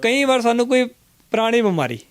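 A man with a high voice speaks quickly in a dry, close recording. He is an herbal remedy practitioner giving a health interview. He talks in an animated way and acts out what his patients say. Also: dry recording.

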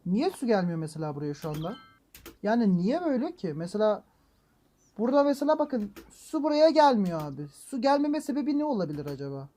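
A man hosting a gaming channel, commenting on his own play as he goes, muttering to himself and breaking into loud frustrated exclamations and mild swearing. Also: sits high, fairly quick. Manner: talks to himself while playing, excitable, frequent exclamations and mild swearing; swings between calm muttering and loud frustrated outbursts. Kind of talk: let's-play gameplay commentary.

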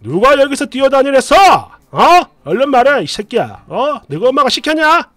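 Man doing a furious husband, coarse yelling, lively pitch, faint music behind. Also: moderate pace, dry recording, full character voice. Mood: furious shouting. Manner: shouting, coarse, bullying. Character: hot-tempered young husband yelling at a child.

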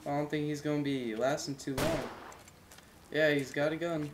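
A man's voice: fairly high pitch, steady tone, moderate pace, slight background noise. A man giving casual gaming commentary, often talking back to the characters in the game. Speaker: gameplay commentator. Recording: game music behind. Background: video game music.

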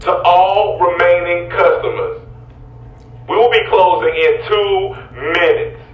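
A man in a comedy skit, playing a restaurant worker who calls out a slow, drawn-out closing-time announcement to the remaining customers. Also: high-pitched, expressive, echoey room, dull audio, slight background noise.

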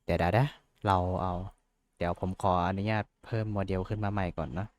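A young man rambles through a casual tutorial, teasing himself and filling pauses as he goes. His voice sits on the low side and comes across smooth and clean. The sound is dry and close, with almost no room around it. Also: fairly even intonation, no echo. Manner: rambling, self-mocking, chatty with fillers. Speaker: VTuber tutorial host. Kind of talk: casual screen-share tutorial.

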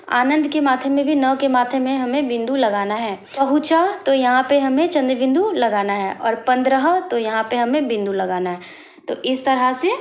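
High-pitched woman teacher going over a worksheet slow and patient, echoey room. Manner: slow, explaining step by step while writing. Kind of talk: worksheet walkthrough lesson.

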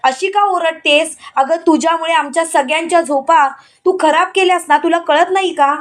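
Lady doing a bossy old matriarch, snapping at everyone, high pitched. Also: normal speed. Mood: scolding. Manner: scolding, accusing. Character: stern older matriarch, sharp-tongued.

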